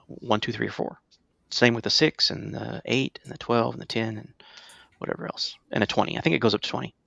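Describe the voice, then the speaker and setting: A gravelly, fairly bright medium-pitched voice belongs to a middle-aged podcast co-host who explains things in easy chat and keeps asking "right?". It's a dry, lo-fi recording.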